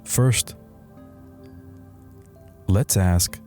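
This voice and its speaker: This satirical guided meditation features a low-pitched man in the role of a wry, worn-out middle-aged slacker now a meditation guru. He stays calm and deadpan, soothing and pausing deliberately, with soft music in the background.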